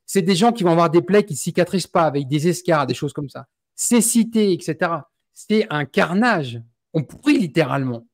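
In a small indoor room, an interview host speaks into a stand-mounted studio microphone, airing passionate views bluntly and indignantly. He is in his forties and has a France French accent. His voice is a little high, animated and fairly quick.

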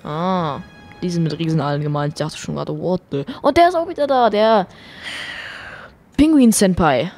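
A woman giving excitable, chatty gameplay commentary as a let's play host, swearing and dropping English exclamations, her voice getting strained. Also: fairly low pitch, moderate pace. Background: faint game music.

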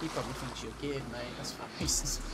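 A man's voice: medium pitch, brisk, very noisy. A man narrating video game play and chatting casually with his squad in a laid-back, colloquial way. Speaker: gaming video creator and player. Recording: loud music and game sounds behind.

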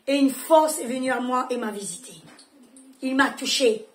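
A woman's voice: sits high, normal speed, slight background noise. A woman pastor preaching a fervent sermon in church, emphatic and repeating phrases for effect. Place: church service.

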